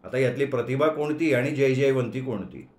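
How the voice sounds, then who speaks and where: A man narrating a story in an expressive, measured manner, in an echoey room. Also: mid-range voice. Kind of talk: story reading.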